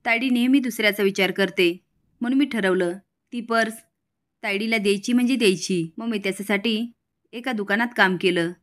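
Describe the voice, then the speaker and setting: A woman's voice: medium pitch, a little fast, a bit bright, close to an everyday voice. Earnest poor boy, simple speech, voiced by a woman. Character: poor young boy, devoted to his sister.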